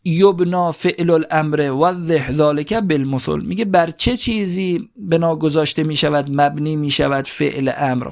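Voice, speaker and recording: Gravelly man teaching grammar. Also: medium pitch. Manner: explains step by step, reads a phrase then glosses it; repeats key words. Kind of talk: classroom lecture.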